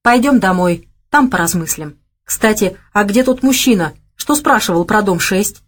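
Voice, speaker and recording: A woman voicing a spirited, quick-tempered young woman who speaks briskly with lively questions. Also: mid-range voice, close to an everyday voice. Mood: thoughtful.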